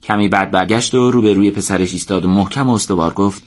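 Man, storyteller, scripted narration, fairly low voice, steady measured delivery.

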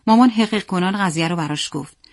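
Steady woman reading a story. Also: on the low side, no echo, clean studio sound. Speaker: narrator.

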